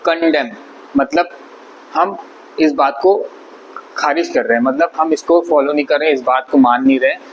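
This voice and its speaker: A man's voice: medium pitch, low-quality recording. A man teaching an English vocabulary lesson, explaining patiently and repeating words syllable by syllable. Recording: faint background noise.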